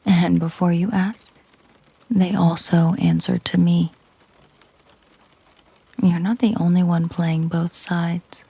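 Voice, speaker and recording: In an intimate audio roleplay, a woman plays a mafia boss's possessive, coolly menacing girlfriend, teasing and giving orders in a breathy, husky murmur. The voice is fairly low, mellow and exaggerated, with no echo.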